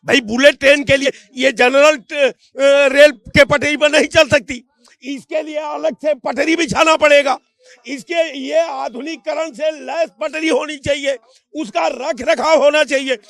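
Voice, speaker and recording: A man's voice: very high-pitched, creaky, a bit bright, dry recording. A man from the public in a street interview, arguing heatedly and rhetorically, raising his voice in bursts. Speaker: member of the public. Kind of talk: street vox pop debate.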